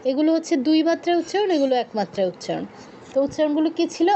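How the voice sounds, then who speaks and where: A woman teaching Sanskrit pronunciation in an online lesson, patiently correcting a student and repeating each sound slowly. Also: sits high, very animated, dark tone, muffled recording, slight background noise.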